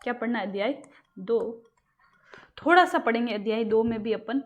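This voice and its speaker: Speaking at a normal speed in a slightly high voice, a woman runs a relaxed exam-prep lecture. She poses questions to the class, says them again, and supplies the answers on her own.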